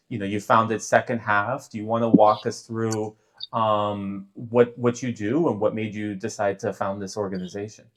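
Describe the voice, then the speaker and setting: A man hosting an interview, talking casually in a halting way with many fillers. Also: medium pitch, no room sound. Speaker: host, interviewer. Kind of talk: casual interview and vlog intro.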